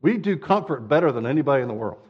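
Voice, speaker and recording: Male pastor, mid-pitched, conversational sermon delivery, slightly muffled sound. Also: animated, very fast, husky. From United States. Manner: conversational preaching, acting out whiny quotes.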